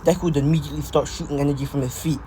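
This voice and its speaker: A man's voice: fairly high pitch, steady tone, racing, mellow, slight background noise. A man casually narrating a fan-made story off the cuff, often restarting and repeating his phrases.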